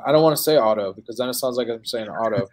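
A man's voice: mid-range voice, racing, background noise. A man with a Midwestern American accent hosting a casual podcast chat, rambling with plenty of fillers and calling people dude and man.

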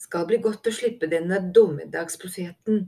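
A dutiful male mole guard in a storybook, worn down by a noisy prisoner, as a woman narrator reads him. His tone is dry and weary, pitched somewhat low, with a loyal, grumbling patience. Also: creaky, dark tone. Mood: wry.

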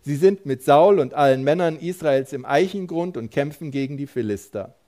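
A man voicing an old father calmly giving his son instructions. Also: a little high, moderate pace, lightly acted. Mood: instructing.

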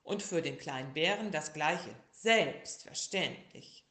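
A woman voicing a male frog doctor who speaks in a brisk, formal, emphatic way. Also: on the low side, animated, a bit bright, reverberant.

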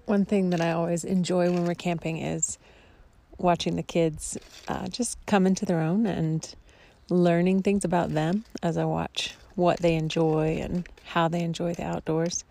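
A woman's voice: fairly low pitch, level tone, a little slow, gravelly, dark tone. A woman talking casually to a vlog audience in a reflective, hesitant way. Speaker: family camping vlogger.

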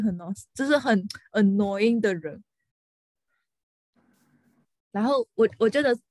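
Venting young woman, high and dry. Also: no room sound. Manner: venting, animated, mixes in English words. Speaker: podcast co-host, lawyer. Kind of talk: casual chat.

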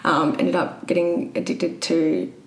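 A woman's voice: deep voice, level tone, a little slow, vocal fry. A woman in her twenties with a Queensland Australian accent, telling her personal story casually and a little hesitantly as an interview guest. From Brisbane, Australia. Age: 20s. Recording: roomy echo, audible background noise.

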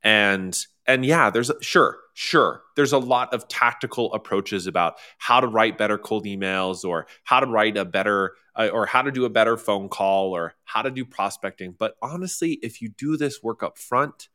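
A man with a bright, forceful voice pitched somewhat low, co-hosting a live sales webinar. He talks casually and with enthusiasm, chiming in with quick agreements. He sits close to the mic. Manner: enthusiastic, frequent affirming interjections. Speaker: workshop co-host.

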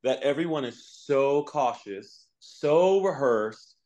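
A man's voice: medium pitch, lively intonation, slow, a little mellow, muffled recording. A man co-hosting a reality TV podcast, talking in an emphatic, joking way. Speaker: podcast co-host. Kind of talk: casual podcast chat.

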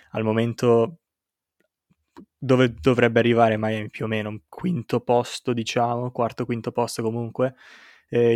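A man chats casually about sports as a podcast panelist. His voice sits at a medium pitch, and the recording is dry with no room sound. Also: no room sound.

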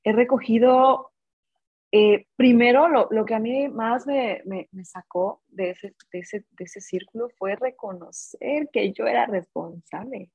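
A woman's voice: a little high, measured pace, darkish tone, husky, muffled recording. A woman in casual conversation, hesitant, with many fillers and restarts.

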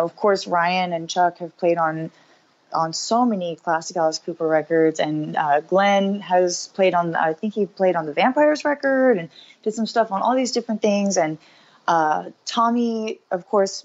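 A woman's voice: fairly low pitch, moderate pace, lo-fi sound. A woman in her thirties talking in a casual interview as a guest musician, upbeat and chatty with lots of fillers. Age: 30s.

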